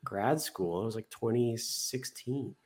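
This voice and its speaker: A man's voice: medium pitch, unhurried, a little mellow. A man in his thirties co-hosting a podcast, chatting informally and self-deprecatingly. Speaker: podcast co-host. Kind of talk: casual chat.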